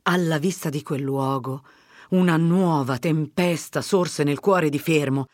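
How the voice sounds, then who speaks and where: A narrator reading a classic novel aloud in a measured, even way. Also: medium pitch, dry recording, studio quality. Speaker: audiobook narrator. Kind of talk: scripted literary narration.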